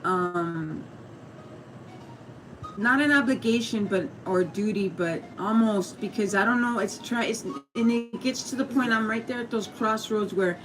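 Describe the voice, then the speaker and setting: Music plays under this clip of a Mexican American woman streaming live on YouTube, her mid-range voice moving a little slowly. She wanders from topic to topic with plenty of fillers, false starts, and greetings to viewers, and the audio is noisy.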